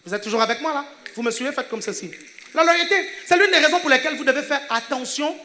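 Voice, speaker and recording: A man from Gabon with a Gabonese French accent, a pastor preaching a sermon. He speaks emphatically, laughs between phrases, swings between loud and hushed delivery, and keeps asking whether the congregation is following. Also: very high voice, fast, a little hiss or hum.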